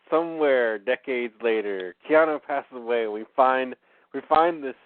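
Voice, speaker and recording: A man's voice: mid-range voice, dry recording. A man co-hosting a casual film review podcast, speaking in a playful, speculative way. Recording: phone-like remote call line.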